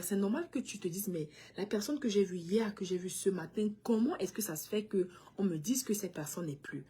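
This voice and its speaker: A woman's voice: lowish voice, darkish tone, a little hiss or hum. A woman from Cameroon with a Cameroonian French accent, a mother talking earnestly and directly to other parents, sometimes switching into English. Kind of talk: casual direct-to-camera talk.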